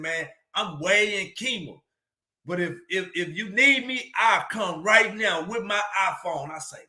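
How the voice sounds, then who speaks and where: A man's voice: high-pitched, roomy sound. A man speaking as a motivational speaker, telling a personal story casually and emphatically, often saying "man" and "listen". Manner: emphatic, repeats "man" and "listen", gets louder at peaks.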